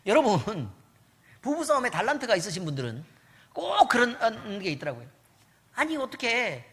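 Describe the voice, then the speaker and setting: A woman pastor delivers a sermon in a fairly high voice with lively, swooping intonation. She talks casually and teases her listeners, asking them question after question as if quizzing a class. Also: moderate pace. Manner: asks the congregation constant quiz-like questions; teasing, conversational. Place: church service.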